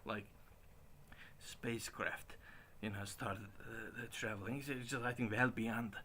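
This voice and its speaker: Low-voiced man rambling with restarts. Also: steady tone, sharp tone, a little hiss or hum. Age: 40s. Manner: halting, many restarts and chuckles. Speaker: stream host. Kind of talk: casual rambling monologue.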